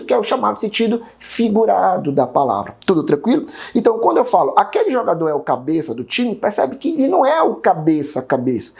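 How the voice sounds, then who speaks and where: A man's voice: high-pitched, creaky, a little mellow. A man with a Brazilian Portuguese accent teaching an exam-prep video lesson, explaining step by step and tagging sentences with questions. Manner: explanatory, constant tag questions.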